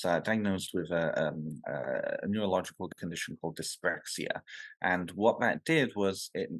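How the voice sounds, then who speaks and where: A man from North Wales speaks as a therapist guest, thoughtful and full of small pauses and restarts. His voice sits very low, with a dry, close recording. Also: no room sound. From North Wales, United Kingdom. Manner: thoughtful, with frequent ums and restarts. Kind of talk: conversational interview.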